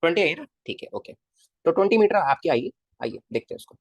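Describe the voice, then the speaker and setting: A man's voice: a little high, big pitch swings, fast talker, vocal fry, slightly rough, dry recording. A male physics teacher in a casual live class, coaxing his students with constant questions and calling them kids. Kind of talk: live online class lecture.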